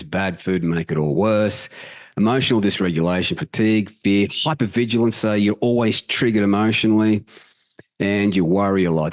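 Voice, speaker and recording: A man presenting a health talk over slides in an energetic, casual way, with the odd swear word. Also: sits low, no room sound. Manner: energetic, swears casually, mimics inner voices. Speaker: health channel host.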